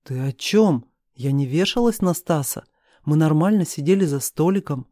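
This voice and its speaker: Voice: mid-range voice, lively intonation, moderate pace, warm tone, no room sound, clean studio sound, close to an everyday voice. A reader voicing an indignant young woman heroine who protests against accusations in an audiobook.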